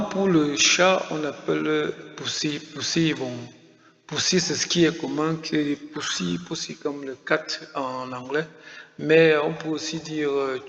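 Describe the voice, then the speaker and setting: Gravelly man teaching slowly in an echoey room. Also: mid-range voice, fairly bright tone. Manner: repeats words slowly, hesitant fillers. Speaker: language teacher. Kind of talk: spoken language lesson. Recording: echoey room, dull lo-fi sound.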